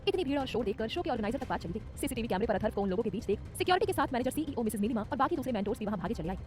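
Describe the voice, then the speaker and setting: A woman narrating a romantic audio story in a brisk, dramatic scripted style. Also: a little high, lively intonation, slight background noise. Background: soft music.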